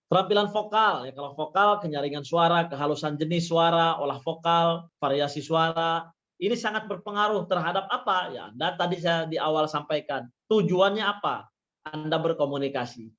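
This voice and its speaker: Speaking briskly, a man with a slightly high, fairly bright voice lectures via slides in a university webinar. He repeats his phrases and fills gaps with "ya" and "nah," and the recording sounds dull and lo-fi.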